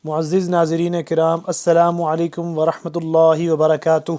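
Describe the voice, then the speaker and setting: A male Quran teacher with a Pakistani Urdu accent. His voice is mellow and even, and it stays level as he moves between loud chanted syllable drills and quick, quiet explanations. He sounds like he is leading a lesson. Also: fairly high pitch.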